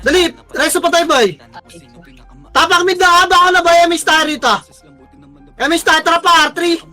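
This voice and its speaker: A Filipino man calling commands to his team during an online game, barking quick orders and swearing often. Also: very high-pitched, sharp tone, faint music behind. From Philippines. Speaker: team shotcaller. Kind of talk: live game commentary and team calls.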